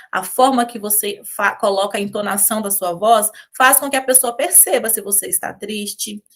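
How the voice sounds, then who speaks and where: Woman teacher, somewhat high voice, patient exam-prep grammar lesson with frequent check-ins. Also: fairly bright tone. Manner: explanatory, repeats key phrases, checks in with "tá?" and "ó".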